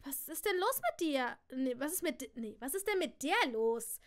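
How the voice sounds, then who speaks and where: A shrill, scornful teenage girl speaks in a high, loud, snide voice, as a woman reading a book aloud puts her on. She sounds like a sulky, judgemental cousin in an audiobook scene. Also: sing-song, moderate pace. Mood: snippy.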